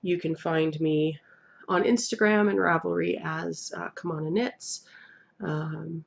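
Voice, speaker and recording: A woman in her thirties hosts a knitting video podcast from her living room couch, talking casually and sniffly from a cold. She rambles, hesitates with many ums and is self-deprecating. Her low-pitched voice is slow, fairly even and has vocal fry, picked up by a webcam at desk distance.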